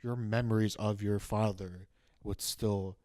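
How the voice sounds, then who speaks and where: A man's voice: on the low side, unhurried, no room sound. Young guy ranting about a movie twist, keeps restarting, dry close mic. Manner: animated, rambling with restarts. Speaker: podcast co-host. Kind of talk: casual chat.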